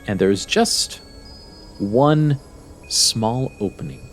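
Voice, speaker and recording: A man narrating a tabletop game as game master, in measured, descriptive phrases with pauses. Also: mid-range voice, expressive. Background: soft music.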